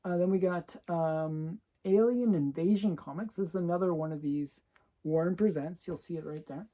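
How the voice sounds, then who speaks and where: Mellow-voiced woman chatting about her comics. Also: lowish voice, normal speed. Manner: chatty, laughs often between remarks. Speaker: comic collector showing her collection. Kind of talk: casual show-and-tell chat.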